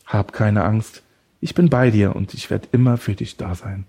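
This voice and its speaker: A man's voice: on the low side, moderate pace, dark tone. A man voicing a deranged male woodcutter who holds someone captive, taunting and smug, then creepily tender. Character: deranged male woodcutter kidnapper, mocking and obsessive.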